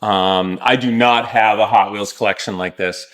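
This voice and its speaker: A man's voice: lowish voice, fairly even intonation, normal speed, a bit bright. A man in his fifties chatting casually as a podcast guest, rambling with lots of fillers and asides.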